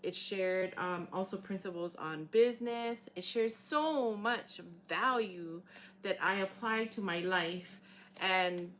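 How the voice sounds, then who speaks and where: A woman with a Hawaiian Pidgin accent, talking and reading Bible stories aloud in an informal, halting way. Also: mid-range voice, a bit bright, slight background noise, rough recording.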